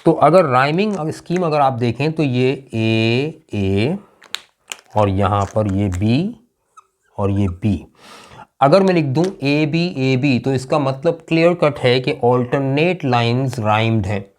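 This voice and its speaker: A man with a Karachi Urdu accent gives an unhurried English lecture. He speaks very slowly and deliberately. His pitch sits in the middle range, and he draws out the poem lines as he recites them. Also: animated, darkish tone. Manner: slow, deliberate explaining, drawing out recited verse lines. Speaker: English teacher. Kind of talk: classroom lecture.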